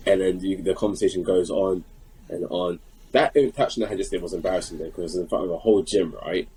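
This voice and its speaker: A man from South London with a South London accent, co-hosting a podcast, telling stories in a rambling, animated way with many restarts. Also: low voice, slightly rough, low-quality recording. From England. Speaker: podcast co-host. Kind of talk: casual chat.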